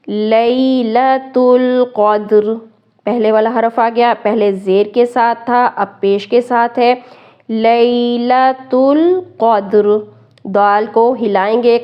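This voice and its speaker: A woman with a fairly high, smooth, resonant voice teaches recitation word by word. She draws each word out slowly and explains every sound with patience. The recording is muffled and lo-fi. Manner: slow, deliberate, drawing out each word. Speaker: Quran teacher. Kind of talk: word-by-word Quran recitation lesson.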